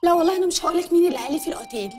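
An actress in an Egyptian sitcom with an Egyptian Arabic accent, speaking in teasing, suspicious banter. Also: female voice, very high-pitched, expressive, rapid-fire, a little mellow, faint music behind. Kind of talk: TV sitcom acting.

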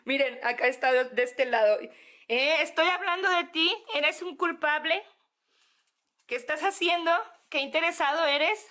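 Excitable Mexican woman with a bright voice. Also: high-pitched. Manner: excitable, gushing, drawn-out words. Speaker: vlogger. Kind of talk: casual home vlog. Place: apartment.

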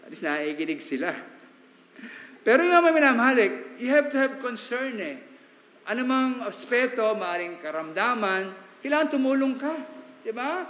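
A pastor delivers a very animated sermon in a church sanctuary, his male voice high and bright. He preaches in a mix of Tagalog and English, dropping quick, chatty asides and tag questions that invite the congregation to agree, while the hall adds a long, echoing reverb.

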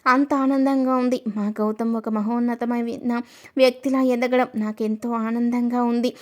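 Woman doing a jovial middle-aged uncle, cheerful, laughing manner, slightly high voice. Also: flat delivery, normal speed, darkish tone, natural voice.

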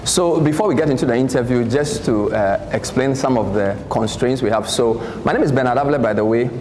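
A journalist hosts the interview in a formal, brisk, articulate way, his voice pitched in a middle range. The handheld mic picks up a roomy echo and a long hall reverb, with faint noise underneath. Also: a little mellow. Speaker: journalist, event host and interviewer. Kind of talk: hosting an interview. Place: large hall, indoors.

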